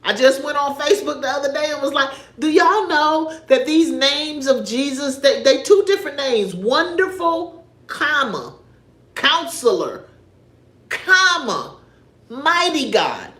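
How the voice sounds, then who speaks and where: Animated woman preaching on a livestream. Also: sits high, normal speed, few pauses, roomy sound. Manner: animated storyteller, emphatic and preachy. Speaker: livestream host. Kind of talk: casual faith talk on a livestream. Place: home livestream in an echoey room.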